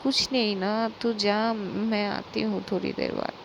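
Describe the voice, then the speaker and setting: Stammer and hold back as a woman playing a guilty young woman, a little gravel in the voice. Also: mid-range voice, flat delivery, unhurried, a little hiss or hum. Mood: tearful. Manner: hesitant, faltering.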